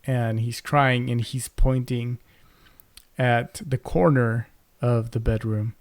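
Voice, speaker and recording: Podcast co-host, young man with a gravelly voice, rambling casual storytelling, dry close sound. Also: mid-range voice, fairly even intonation, slow, no echo. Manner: rambling, many fillers and restarts. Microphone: close podcast mic.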